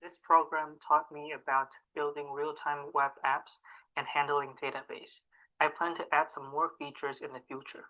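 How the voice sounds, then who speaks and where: Casting: teen boy from Taiwan, bright crisp voice, scripted project demo. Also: fairly high pitch, normal speed, highs cut off. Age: teens. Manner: scripted, even, reading through steps. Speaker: student presenting a project. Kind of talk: recorded project demo narration.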